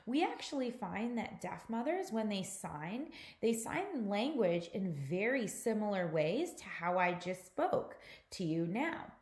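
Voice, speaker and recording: Lady teacher doing a recorded mini lecture, patient and explaining, middle pitch, echoey room. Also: big pitch swings, unhurried, hardly any pauses, a little mellow. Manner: patient explanatory teaching, addressing students directly. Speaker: course instructor.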